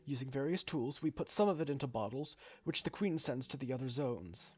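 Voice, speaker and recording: A hesitant male overseer of a mine, put on by a man reading game dialogue aloud, fumbling through his words with stalls and restarts. The voice is husky and middle-pitched. The recording sounds dull and lo-fi. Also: expressive, darkish tone. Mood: explaining. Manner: halting, full of uhs and fumbling restarts.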